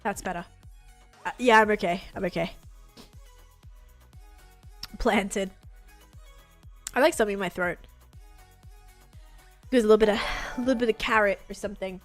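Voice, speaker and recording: A young woman streaming a game live, chatting casually, answering her chat and getting excited over finds. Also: medium pitch, normal speed, pauses often, soft background music.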